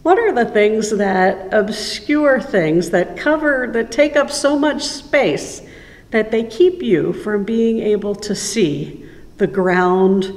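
Older lady pastor chatting out a little sermon, mid pitch, big echoey sanctuary reverb. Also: a little mellow. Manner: conversational, with rhetorical questions. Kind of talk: informal devotional message to camera. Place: large church sanctuary, indoors. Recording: echoey church hall, long reverb.

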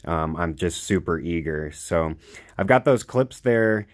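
A man's voice: low voice, animated, unhurried. A young man casually narrating his homestead work outdoors, rambling and eager, with lots of "you know" fillers. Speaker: homesteader vlogger.

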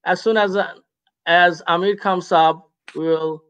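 A man hosting a live online poetry reading, introducing his guests slowly and hesitantly with many fillers. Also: high voice, steady tone, fairly bright tone, smooth, distant mic, low-quality recording.

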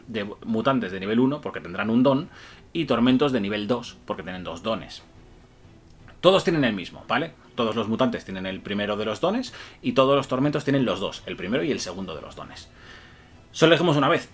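Excitable Spaniard explaining game rules. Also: male voice, mid-range voice, breathy edge. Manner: enthusiastic, chuckles often, many filler "eh" and "vale". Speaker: tabletop wargame rules reviewer. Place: small indoor room.

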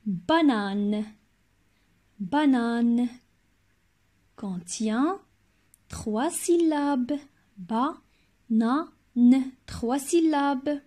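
Very slow, high-voiced woman teacher. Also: lively intonation, warm tone. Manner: deliberate, repeats each word and praises the children. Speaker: kindergarten teacher. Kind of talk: slow syllable-by-syllable lesson for young children.

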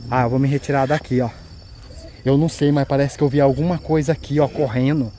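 A man's voice: medium pitch, fairly even intonation, brisk, a little hiss or hum. A man with a Brazilian Portuguese accent, hosting a paranormal investigation vlog outdoors at night, talking in an anxious, exclamatory way and pointing things out as he goes. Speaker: paranormal investigator, channel host. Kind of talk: live ghost-hunting vlog commentary. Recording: loud crickets and insects behind.

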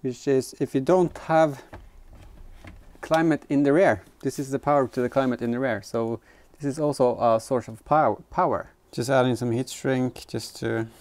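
A man in his thirties, a car DIY vlogger, talks through his work in a garage workshop and inside the back of a car, thinking aloud in a casual, hesitant way. His mid-range voice has a darkish tone, fairly even intonation and a normal speed.

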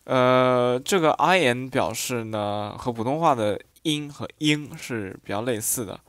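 Slow, deliberate man teaching pronunciation. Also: mid-range voice, fairly bright tone, dry recording. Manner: reads example syllables aloud one by one, pausing between them; explains with frequent hesitation fillers. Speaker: dialect teacher. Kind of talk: phonetics lesson.

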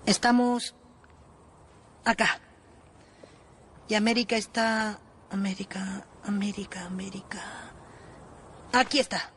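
A woman's voice: mid-range voice, steady tone, takes it slowly, long pauses, a bit bright, slight background noise. A woman dubbing an earnest, hopeful older orphan brother in Latin American Spanish. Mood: reassuring. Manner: earnest, begging. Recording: film soundtrack with music.

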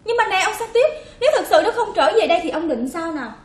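A woman's voice: very high voice, very animated, quick pace. An actress playing a chirpy, giggling female housemaid in a comic stage play. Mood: teasing. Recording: echoey stage recorded from far off.

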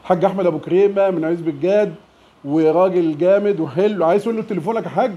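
A man's voice: high voice, racing, dark tone. A man with an Egyptian Arabic accent chatting casually as he tours a produce market, repeating prices back to viewers. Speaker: vlogger touring a produce market. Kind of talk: casual on-location chat and price commentary. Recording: muffled outdoor market recording, street noise.

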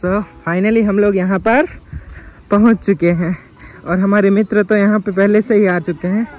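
Young guy vlogging on a hill trail, high-pitched and chatty, music under it. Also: fairly even intonation, normal speed, darkish tone. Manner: chatty, upbeat, playful banter. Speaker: travel vlogger. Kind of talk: casual travel vlog narration. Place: outdoors on a mountain trail.

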